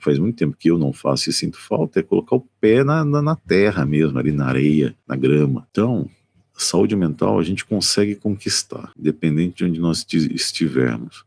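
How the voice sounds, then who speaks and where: A Brazilian man with a very deep, gravelly and husky voice speaks on a live stream from his apartment. He talks as a psychotherapist addressing viewers directly. His delivery is conversational and full of rhetorical questions. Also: a little mellow, no room sound. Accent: Brazilian Portuguese. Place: apartment at home.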